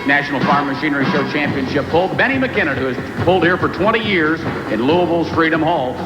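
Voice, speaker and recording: A man's voice: fairly high pitch, animated, quick pace, loud music behind the voice, rough recording. A man speaking as a tractor pull announcer, giving emphatic, polished commentary and putting questions to drivers.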